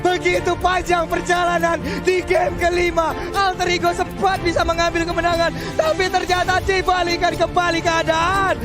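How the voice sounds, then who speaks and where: A man with an Indonesian accent giving excited, exclamatory esports commentary as a co-caster, dropping English phrases into his talk. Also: very high-pitched, moderate pace, few pauses. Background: music.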